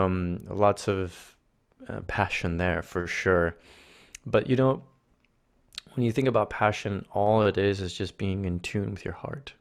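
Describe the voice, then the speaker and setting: A man from Argentina, a spiritual mentor as guest, talking in a soft, earnest, gently encouraging way. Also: deep voice, smooth. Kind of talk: reflective conversation.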